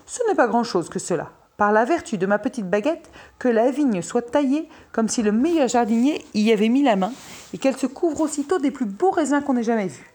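Storybook magic mule, calm, helpful, reassuring; woman reader doing it. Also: a little high, brisk.

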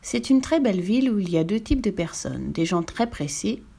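A woman voicing an eager young male wolf traveler in a storybook, talking in excited exclamations. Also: medium pitch, brisk, gravelly, slightly rough. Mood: fond.

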